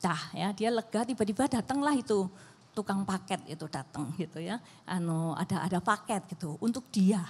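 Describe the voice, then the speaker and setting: Middle-aged woman seminar speaker, husky voice, casual and rambling, full of fillers. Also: mid-range voice, normal speed, long reverb tail. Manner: chatty, many fillers and self-corrections. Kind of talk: church family seminar talk. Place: church hall.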